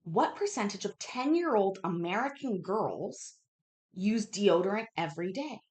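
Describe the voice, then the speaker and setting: Animated and unhurried, with a darkish mid-range voice, a thirtysomething woman runs a casual livestream quiz. She reads the questions out, talks candidly, curses, and cuts herself off mid-thought.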